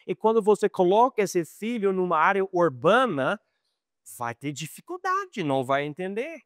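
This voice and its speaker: A middle-aged man with an American accent teaches a relaxed Bible lesson as a missionary. His voice sits high, and the recording is dry with no room sound. He talks conversationally, restarts words and slips into quoted dialogue. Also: normal speed, dry recording. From United States.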